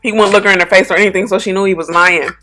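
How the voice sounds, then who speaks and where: A woman hosting a mukbang, casually retelling a story in a relaxed, slangy way with lots of fillers. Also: medium pitch, racing, over music. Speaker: mukbang channel host. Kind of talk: casual storytime while eating.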